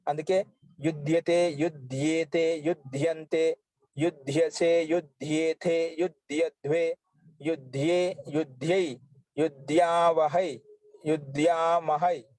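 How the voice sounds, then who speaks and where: Man, grammar teacher, recites forms one at a time, fairly high pitch, dry sound. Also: fairly even intonation, slow, darkish tone, no echo, low-quality recording. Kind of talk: online class lesson.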